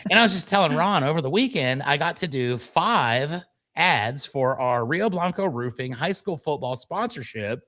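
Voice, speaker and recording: A man's voice: fairly high pitch, expressive, normal speed, hardly any pauses, bright, forceful tone. Self-deprecating man co-hosting a casual show. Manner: self-deprecating, storytelling, mock-dramatic. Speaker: show co-host and voiceover performer. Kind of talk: casual radio-show banter.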